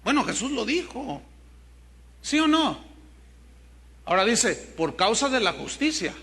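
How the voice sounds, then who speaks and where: This older pastor from Mexico speaks with a very high-pitched, sing-song voice at a measured pace, slightly bright in tone. Preaching with a Mexican Spanish accent, he weaves stories into his sermon and jokes with his congregation.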